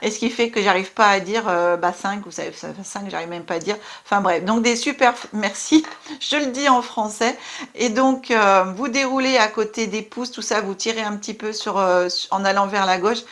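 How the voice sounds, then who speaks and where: A woman's voice: mid-range voice, fairly even intonation, normal speed. A woman with a French accent giving a casual spiritual card reading, chatty and full of fillers. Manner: warm, chatty, many fillers and asides. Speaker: tarot card reader.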